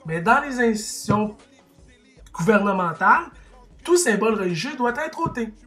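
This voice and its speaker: A man's voice: high-pitched, animated, moderate pace, sharp tone, faint music behind. Emphatic Québécois man ranting. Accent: Québécois French. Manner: emphatic, rhetorical, ranting, with frequent restarts and filler. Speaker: vlogger. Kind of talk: impassioned opinion monologue.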